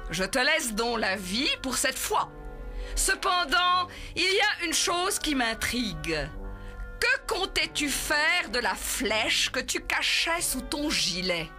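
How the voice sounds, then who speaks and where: A cruel male bailiff rules by threats, as a woman puts him on, drawing his words out slowly and relishing his power. His high, bright voice swoops with menace. Faint music plays beneath the storybook reading. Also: sing-song, full character voice. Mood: menacing. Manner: menacing, mock-friendly, commanding.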